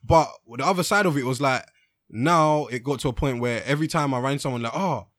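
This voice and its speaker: Young male, London roadman accent, medium pitch, casual reflective storyteller, dry sound. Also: brisk, a bit bright, no room sound. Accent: London, urban. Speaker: podcast panellist. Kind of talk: casual chat, telling anecdotes.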